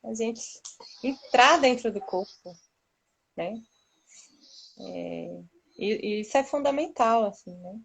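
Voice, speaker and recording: A woman's voice: a little high, animated, slow, vocal fry, long pauses, husky, poor audio. A woman, a massage therapist, talking casually and reflectively on a live video call, often tagging "né?". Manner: conversational, frequent "né?", soft laughs.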